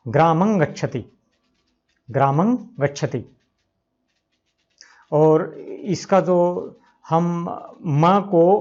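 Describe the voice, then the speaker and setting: A man teaching Sanskrit grammar, explaining rules and slowly repeating each example word to model how it is pronounced. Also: high voice. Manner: slow, repeats examples, stretches out words to pronounce them. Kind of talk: explanatory lesson. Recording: dull lo-fi recording.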